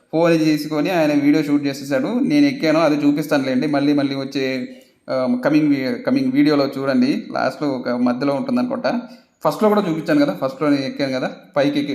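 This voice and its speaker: A man's voice: on the high side, darkish tone. A man vlogger chatting casually in a voice-over, laughing often and repeating himself. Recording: roomy echo.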